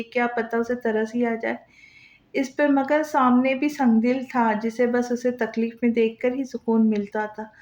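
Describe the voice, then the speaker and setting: A woman narrating a dramatic romance novel in a steady storytelling voice, in a roomy, dull lo-fi recording. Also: fairly high pitch.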